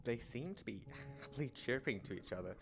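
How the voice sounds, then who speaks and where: A man's voice: mid-range voice, lively intonation, a little fast, creaky, music in the background. A man reading scripted second-person narration for a story game in a dramatic storytelling manner.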